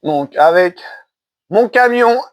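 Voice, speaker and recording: A man's voice: high-pitched, expressive, takes it slowly, no echo. A man hosting a casual unboxing vlog from a caravan, rambling and joking with his viewers in a folksy way. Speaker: YouTube film collector host. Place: caravan at the end of a garden.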